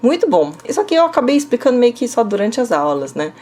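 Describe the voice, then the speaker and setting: Fast and sing-song, with a fairly high pitch and a darkish tone, a young woman with a São Paulo accent chats through viewer comments as a Korean language teacher. Originally from inland São Paulo state, Brazil, she leans on fillers such as "né?" and "tá?" and laughs a little.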